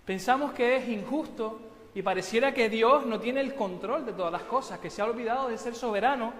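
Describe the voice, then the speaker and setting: Pastor guy preaching, tells a story with jokes thrown in, fairly high voice, echoey church. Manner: storytelling with joking asides. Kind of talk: sermon.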